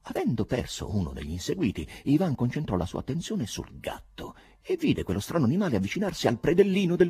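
A man narrating an audiobook in a theatrical, expressive way, with a husky voice on a close studio mic. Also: deep voice, dry recording.

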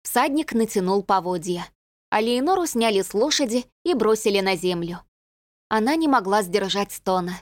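A woman's voice: medium pitch, expressive, moderate pace, no echo. Dry-voiced woman narrating an audiobook. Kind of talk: scripted narration.

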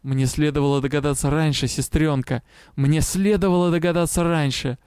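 A man's voice: fairly high pitch, steady tone, normal speed, darkish tone, clear, resonant tone, dry recording, clean studio sound, close to an everyday voice. A man reading an audiobook, voicing a tired, stern magister who talks curtly and growls his answers. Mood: grim. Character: weary stern male magister, commanding.

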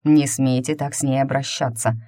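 A woman reader voices a middle-aged burgomaster in a fantasy audiobook, talking to his captive in a calm, coaxing tone with a reproachful edge. The voice sits low and dark. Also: normal speed, no room sound, studio quality. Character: middle-aged male burgomaster, soft-spoken captor.

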